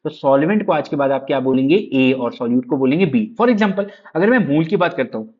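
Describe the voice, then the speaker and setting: A man's voice: mid-range voice, animated, brisk, lo-fi sound. A man teaching a chemistry class in Hindi with terms. He keeps asking questions and answering them himself, and he calls his students "beta". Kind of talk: classroom lecture.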